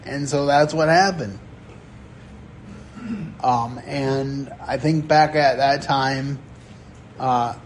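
A man in his sixties preaching a sermon in a chapel, telling stories earnestly with deliberate pauses. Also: mid-range voice, a little hiss or hum. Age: 60s. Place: chapel sanctuary.

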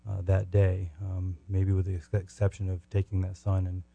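In a low, creaky monotone with a dark tone, a man from the United States shares devout testimony and prays earnestly as a podcast guest. His phrasing halts and he repeats words, all captured in dull-sounding audio.

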